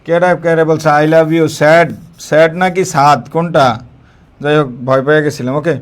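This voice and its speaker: Man teaching a lively live grammar class. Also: on the high side, moderate pace. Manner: repeats key points and quizzes the class; colloquial, mixing in English words.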